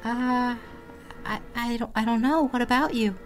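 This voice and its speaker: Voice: mid-range voice, fairly even intonation, moderate pace, faint music behind, voice pushed up. A creator using a voice changer to play a shy, hesitant fifteen-year-old decoy who stammers and trails off. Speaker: host posing as a teen.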